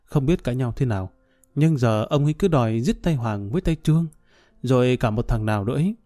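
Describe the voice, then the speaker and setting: A man's voice: mid-range voice, lively intonation, brisk, mellow, no echo, clean studio sound, close to an everyday voice. A man voicing a frightened young wife who pleads anxiously in a storybook reading. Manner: worried, pleading.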